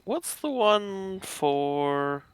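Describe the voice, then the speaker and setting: A man's voice: high voice, animated, drawn-out words, clean tone, dry recording. A man playing a tabletop game, thinking aloud in casual talk.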